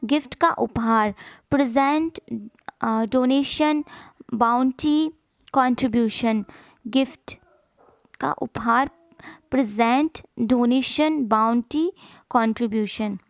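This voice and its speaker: A woman teacher slowly reads out lists of synonyms. She says each list twice and spells hard words letter by letter. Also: fairly high pitch, no echo, poor audio. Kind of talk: slow vocabulary drill, reading synonym lists.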